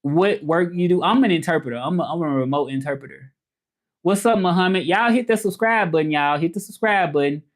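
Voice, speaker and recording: Here a livestream host and French teacher from Memphis, Tennessee, a Southern-accented man in his thirties, talks a little high and a little fast. The chat is casual and loose; he repeats himself, says hello to viewers, and urges them to subscribe.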